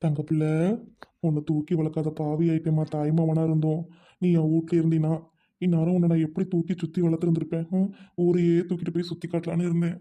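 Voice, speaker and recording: A woman's voice: sits low, completely flat delivery, fast talker, dark tone, natural voice. A woman playing a humble village older brother. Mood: tender. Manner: earnest, pleading, affectionate. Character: poor, kind-hearted village older brother. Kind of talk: family drama skit.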